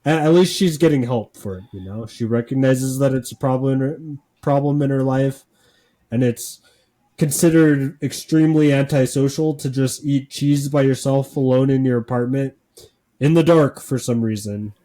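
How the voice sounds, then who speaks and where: A man co-hosting a podcast, talking casually with deadpan sarcasm and lots of filler words. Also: mid-range voice, normal speed. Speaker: podcast co-host.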